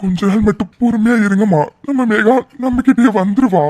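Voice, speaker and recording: A man's voice: high voice, a little fast, darkish tone, dry recording. A man voicing a cartoon friend who begs forgiveness and a grieving father, in a pleading, apologetic manner. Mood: soothing. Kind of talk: cartoon voice acting.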